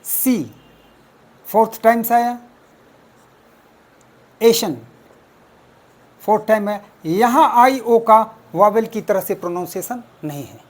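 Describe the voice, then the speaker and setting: An exam coaching teacher explaining test answers, deliberately repeating and spelling out words step by step. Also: medium pitch. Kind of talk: explaining exam answers, mixing English terms.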